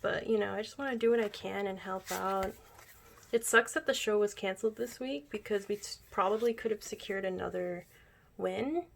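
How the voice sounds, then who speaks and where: A young woman chatting casually while unboxing a music album, gushing as a fan and often dropping into excited whispers. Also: mid-range voice, normal speed, gravelly, slight background noise.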